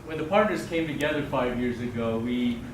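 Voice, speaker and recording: A man speaks to a live audience in a halting public welcome speech. His medium-pitched voice comes from some distance in an echoey venue, with heavy noise around it. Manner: halting, addressing a gathered crowd. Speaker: medical center partner giving opening speech.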